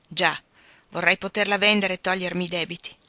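A woman's voice: lowish voice, steady tone, a little fast, pushed and bright, no room sound. A woman reading aloud, voicing a ruined young nobleman who gambled away his fortune, dejected and pleading. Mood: despairing.

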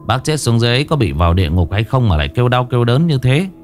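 A man voicing a calm exorcist master who questions plainly. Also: medium pitch, quick pace, faint music behind, voice pushed up, lightly acted.

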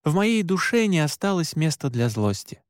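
A male narrator reads a first-person story in an even, measured way. His voice sits slightly high for a man and is recorded dry and close, with no room echo. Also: clear, resonant tone. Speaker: audiobook narrator.

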